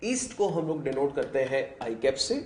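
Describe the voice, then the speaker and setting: Male teacher, medium pitch, addresses students as kids, echoey room. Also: big pitch swings, moderate pace, a little mellow. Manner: calls students "बच्चों" and chimes in to echo answers. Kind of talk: classroom physics lesson.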